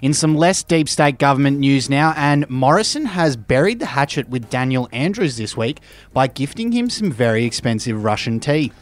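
A man's voice: mid-range voice, lively intonation, normal speed. Straight-faced Australian male news anchor. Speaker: news anchor of satirical show. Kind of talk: mock news bulletin presenting.

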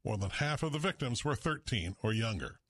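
A man's voice: medium pitch, expressive, brisk, a bit bright, no room sound, studio quality. A man delivering a scripted radio news report as a correspondent.

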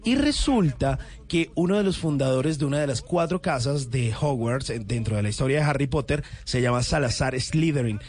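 A man's voice: medium pitch, animated, moderate pace, hardly any pauses, a little mellow. A man hosting a casual chat, rambling on with trivia. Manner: enthusiastic, rambling storyteller. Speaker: host.

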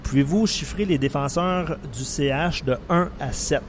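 A man with a Quebec French accent hosting sports talk radio, reading out listener questions in a relaxed way. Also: fairly high pitch, normal speed, a little hiss or hum.

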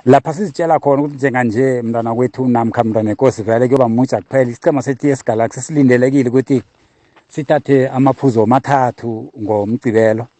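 A man's voice: medium pitch, fairly even intonation, fast, dark tone, no room sound. A man with a South African accent talking casually about football as a caller to a sports show.

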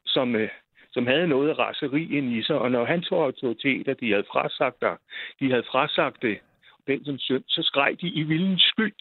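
A man's voice: mid-range voice, no room sound. An older man telling a personal story in a rambling way, full of hesitations and repeated words. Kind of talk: casual storytelling. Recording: tinny phone line.

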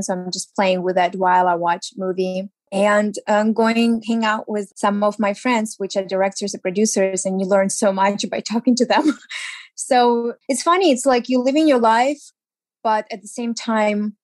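A Ukrainian actress appears as a guest in a casual interview, speaking Ukrainian as her first language. Her mid-range voice moves at a normal speed with no echo, and she comes across lively and chatty, laughing easily.

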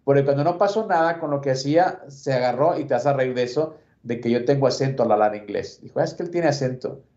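A man's voice: mid-range voice, quick pace, a little mellow, echoey room, muffled recording. A man telling a work story on a casual sports podcast, full of fillers and restarts.

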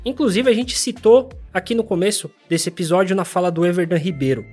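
A host narrating a scripted podcast segment and introducing guests in a measured way. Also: medium pitch, darkish tone, faint music behind.

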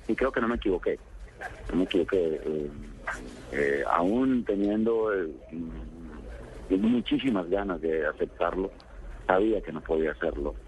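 A middle-aged football coach from Colombia giving a phone interview on sports radio, halting and reflective, with many pauses and fillers. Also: male voice, low-pitched, slight background noise, low-quality recording.

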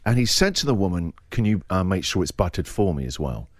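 A middle-aged man hosting a radio show, telling a story in a casual, animated way, laughing and acting out the other people in it. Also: low-pitched, fairly quick, no echo. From England. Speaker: radio host.

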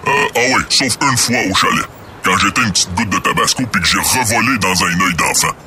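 A man's voice: low voice, a little fast, sharp tone, slight background noise. A man with a Québécois accent voicing a crude, boastful ex-professional droplet through a voice changer that disguises his voice, in a comedy radio sketch. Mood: smug. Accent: Québécois French.

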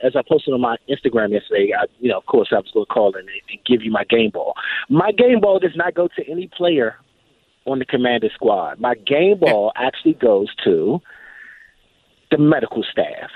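A man's voice: mid-range voice, lively intonation, moderate pace, slightly rough, dry recording. A male caller rambling in a chatty way, tripping over restarts. He comes through a tinny, phone-like line with a dry sound. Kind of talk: call-in sports chat. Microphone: telephone.

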